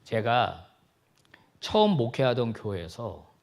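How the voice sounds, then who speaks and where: A man's voice: mid-range voice, slow pace. A male pastor giving a sermon, joking with the congregation and acting out little dialogues. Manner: animated, jokey, acts out dialogue. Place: church sanctuary.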